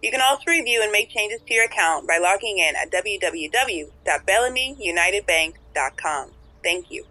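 A woman voicing an automated bank phone message in a formal, crisp manner. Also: mid-range voice, animated, moderate pace, pushed and bright, rough recording.

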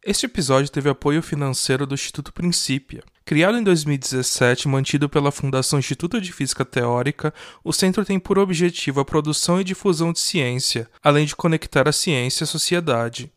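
A man giving a scripted sponsor read in an even, formal way. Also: on the high side, a little fast, few pauses, no room sound. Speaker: sponsor announcer. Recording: dry close sound.

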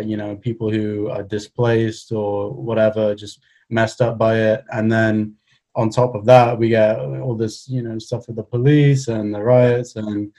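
Young Cardiff man, even and understated. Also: on the low side. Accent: Cardiff Welsh. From Cardiff, Wales. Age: young adult. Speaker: podcast guest, cartoonist. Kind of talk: casual interview chat.

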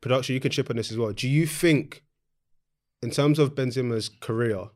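A man's voice: mid-range voice, a little fast, darkish tone. A man with a London accent and urban slang hosting a casual panel discussion, insistent and repeating his phrases. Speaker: football podcast host.

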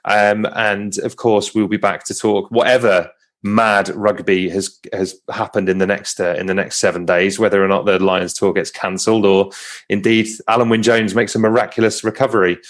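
A man's voice: lowish voice, little pitch movement, moderate pace. A man with a Home Counties English accent hosting a casual sports chat, often repeating and correcting himself. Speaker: podcast host.

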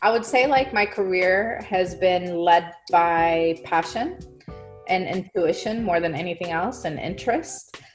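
A woman's voice: fairly low pitch, a little slow, faint music behind. A woman talking casually as an interview guest, chatty and full of fillers. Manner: chatty, fillers like "like" and "you know". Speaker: music marketing guest.

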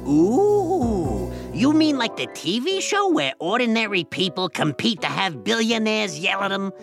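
A woman voicing a goofy, long-winded former referee in a children's audio comedy, talking slowly with a drawl and dopey reactions. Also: medium pitch, big pitch swings, music in the background. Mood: dopey, curious. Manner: slow, drawling, with a gravelly edge and dopey reactions. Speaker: co-host of a kids' story show.

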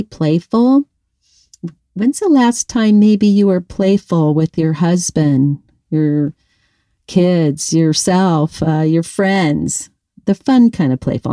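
A woman's voice: lowish voice, dark tone, no echo, clean studio sound. A middle-aged woman giving an upbeat motivational talk to women, speaking directly to the listener and laughing often.

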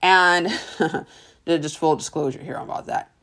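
Lively, low-voiced woman podcast host. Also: slow. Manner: animated, storytelling, addresses listener as honey and darling. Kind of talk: motivational podcast talk.

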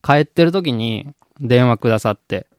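A man's voice: mid-range voice, lively intonation, normal speed, a little mellow, no room sound, studio quality. A man with a Kansai-style dialect, a band member co-hosting a radio show, talking casually and laughing often.

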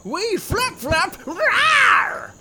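A woman's voice: extremely high pitch, very animated, drawn-out words, very noisy, voice pushed up, exaggerated voice. A woman voicing a playful dinosaur companion in a children's story, barking and chanting. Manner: barking yips.

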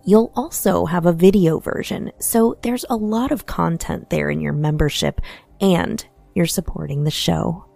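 A woman host narrating a scripted true crime bedtime story as a sleep story narrator, in a soft, soothing delivery. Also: on the low side, unhurried, creaky. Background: soft music.

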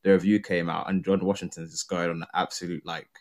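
Deep-voiced London man, podcast co-host. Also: flat delivery, quick pace. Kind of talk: casual chat with London slang.

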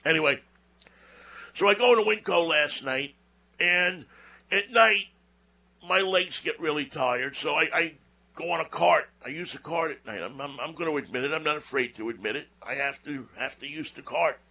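A man's voice: on the high side, moderate pace, bright, forceful tone. A man hosting a show, telling a personal story in a casual, rambling monologue with folksy asides and repeated words. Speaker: show host.

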